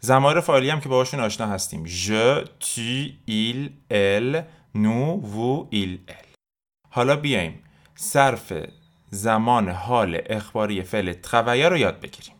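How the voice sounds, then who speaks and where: A man teaching a recorded language lesson, explaining quickly and then saying example phrases slowly and carefully for listeners to repeat. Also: mid-range voice, expressive. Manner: asks listeners to repeat after him. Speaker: French teacher.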